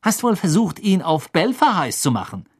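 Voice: medium pitch, very animated, normal speed, a little mellow, breathy edge, voice pushed up. Ron, a sneering jealous schoolboy. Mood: jealous taunting. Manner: mocking, heated. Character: teenage boy wizard, jealous and sneering. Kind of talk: audiobook character voice.

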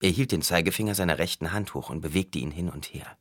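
A man narrating a novel as an audiobook in an expressive, dramatic reading. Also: sits low, fast talker, no room sound, studio quality.

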